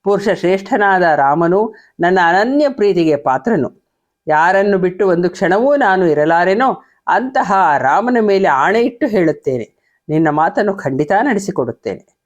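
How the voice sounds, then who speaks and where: Old doting king begging his queen, soft coaxing questions as a lady reads him. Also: fairly low pitch, animated, normal speed, lo-fi sound, natural voice. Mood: pleading.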